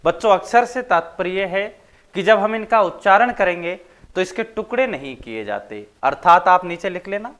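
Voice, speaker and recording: A male teacher from Rajasthan giving a grammar lesson, dictating notes slowly and repeating points, then quizzing his students. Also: high-pitched, animated, a bit bright. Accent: Rajasthani Hindi. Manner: slow, repetitive dictation with questions to students.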